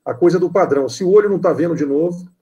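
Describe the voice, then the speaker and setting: A Brazilian man moderating an online lecture, halting as he reads out audience questions. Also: fairly high pitch, dark tone, dull audio. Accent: Brazilian Portuguese.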